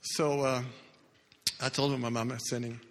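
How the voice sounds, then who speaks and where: This is a personal testimony talk from an earnest older man, a non-native English speaker, whose storytelling stumbles into halting restarts. He has a medium pitch and a flat delivery. Long reverb fills the echoey hall around him.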